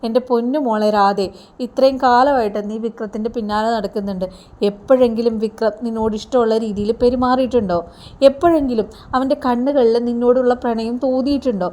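A woman's voice: fairly high pitch, steady tone, brisk, dark tone, natural voice. A woman voicing a worried middle-aged mother pleading with her daughter to give up on a man. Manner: pleading, lecturing.

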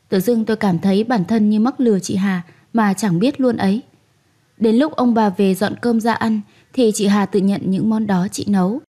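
A young woman narrates a first-person story at a calm, measured pace. Her voice is mellow and warm, with ordinary pitch.

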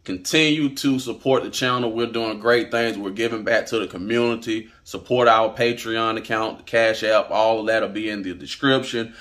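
A man's voice: on the low side, steady tone, normal speed, few pauses, fairly bright tone. A man hosting a trucking advice vlog, talking straight to camera in a blunt, emphatic way and repeating his points. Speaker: trucking channel host.

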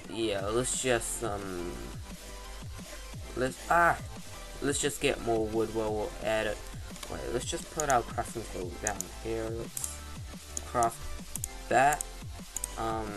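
A young man giving casual gameplay commentary, thinking aloud in a halting, rambling way. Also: lowish voice. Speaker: gaming YouTuber.

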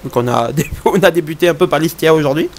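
A young man hosting a gaming channel, giving let's play commentary in a hesitant way, full of fillers and restarts, quick to laugh. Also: on the high side, a little hiss or hum.

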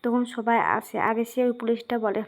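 Woman telling what happened in a tv serial episode, pretty flat delivery. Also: fairly high pitch, fairly quick. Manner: retells dialogue in plain narrating voice with fillers and restarts. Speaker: serial recap narrator. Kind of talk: casual spoken recap of a TV serial episode.

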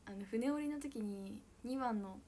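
A young idol livestreamer with a high, bright voice chats casually with viewers while reading their comments, in an unhurried way. She's bubbly and giggly, laughing often, and describes her own voice as loud. There's slight background noise.

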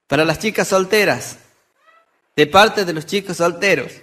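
A man telling quick jokes between songs on stage, acting out the characters and laughing at his own punchlines. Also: high-pitched, bright, forceful tone, slight background noise. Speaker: folk comedian and singer. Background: music.

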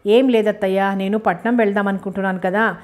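A woman narrator voicing a gentle young man, a cousin, who speaks in a soft, soothing way in an audiobook. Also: medium pitch, fairly even intonation, quick pace, close to an everyday voice.

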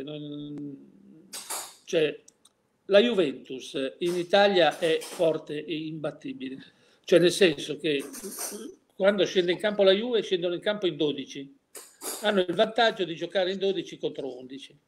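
A man's voice: a little high, measured pace, a little hiss or hum. Opinionated older man, rhetorical questions. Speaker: interviewee. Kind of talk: casual interview.

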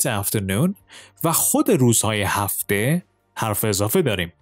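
Male teacher from Iran, animated voice, dry close mic, faint music under; quick explanations, slow careful model phrases. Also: mid-range voice, dry recording. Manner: reads English lines slowly and clearly, explains quickly. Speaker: English teacher. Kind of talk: language lesson, explaining in Persian with English examples.

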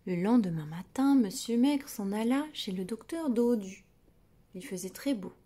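A woman reading a children's story aloud in a soft whisper, slow and drawn-out. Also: medium pitch, expressive.

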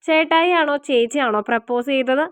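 Woman reading as chatty young sister, teasing, curious, high voice. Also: brisk, no room sound, natural voice.

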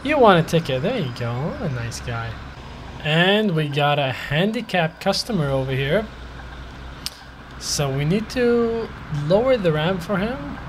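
A man giving casual gameplay commentary, excitable and chatty with the characters in his game. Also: on the high side, a little slow, background noise. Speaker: gaming YouTuber.

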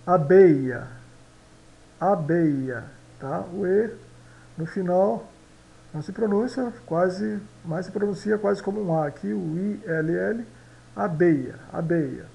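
A man with a Brazilian Portuguese accent teaching a pronunciation lesson, repeating words slowly and often checking in with "né?". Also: high voice, gravelly, mellow, low-quality recording. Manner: slow, drawn-out repetition of words, frequent "né?". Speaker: language teacher.

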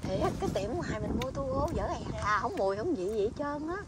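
A woman's voice: fairly high pitch, lively intonation, brisk, a crowd in the background. A woman chatting outdoors at a tent camp, teasing and laughing often as she hands out food. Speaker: vlogger handing out food. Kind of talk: casual outdoor chat.

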